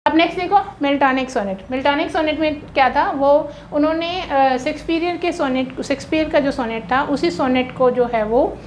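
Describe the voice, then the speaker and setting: Teaching an exam-prep class, this high-voiced Indian woman takes a patient approach, frequently pausing to confirm her students understand. She goes through rhyme schemes by slowly sounding out every letter, and a slight hiss or hum can be heard.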